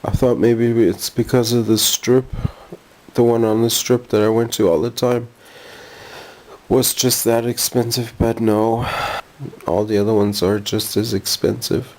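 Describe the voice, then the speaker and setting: A man's voice: medium pitch, level tone, unhurried, a little mellow. A jet-lagged man rambling casually through a haul vlog at home, easily sidetracked. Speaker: vlogger. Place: bedroom at home.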